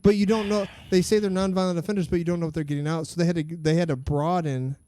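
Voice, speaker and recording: Cussing podcast guy, kinda higher voice, smooth, dry close mic. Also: steady tone, quick pace, mellow, no echo. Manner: blunt, swears often. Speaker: podcast host. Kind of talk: casual chat.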